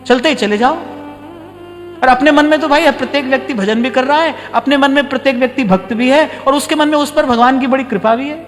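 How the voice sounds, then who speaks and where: A man giving a devotional sermon in a conversational, teaching manner, repeating key lines for emphasis and slowing down on important words. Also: extremely high pitch, fairly bright tone. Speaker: spiritual teacher giving a discourse. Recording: reverberant hall with faint music.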